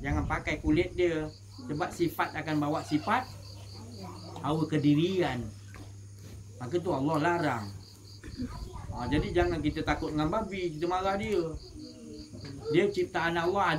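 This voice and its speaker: A religious teacher with a Malaysian Malay accent gives an informal talk to a gathering in a fairly high-pitched voice. He speaks colloquially and puts questions to his listeners. Background noise is present.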